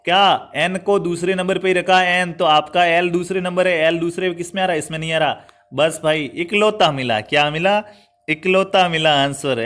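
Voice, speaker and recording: A man's voice: on the high side, a bit bright. A man teaching reasoning for an entrance exam in an online class, chatty and coaxing, asking questions and answering them himself. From India. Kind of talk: lively classroom tutorial.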